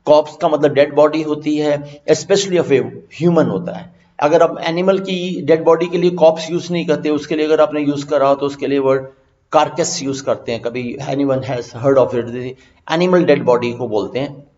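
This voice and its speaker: A man teaching vocabulary in an online lesson, mixing Hindi and English, reading English definitions slowly and then explaining them quickly. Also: fairly high pitch, darkish tone, lo-fi sound.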